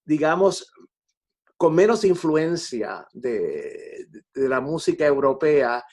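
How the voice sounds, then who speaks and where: An older Puerto Rican composer reflects during an interview, repeating words haltingly as he explains, with a Puerto Rican Spanish accent. His voice is a little high, a little mellow, and very animated.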